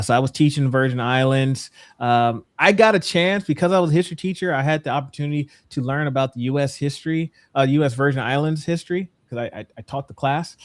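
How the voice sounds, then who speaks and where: A man in his forties, a guest educator, answering a panel question in a reflective, measured way. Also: medium pitch, no room sound.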